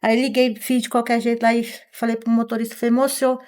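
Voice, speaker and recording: A middle-aged woman with an interior São Paulo accent tells her story in a fairly high voice. She is shaken and nervous, and she wanders through the events while quoting what each person said. She keeps checking in with "né?". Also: monotone, fast, darkish tone. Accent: Brazilian Portuguese, São Paulo interior. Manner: rambling retelling full of quoted dialogue and "né?" tags. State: distressed, nervous. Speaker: mother of the victim. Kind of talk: emotional first-person testimony.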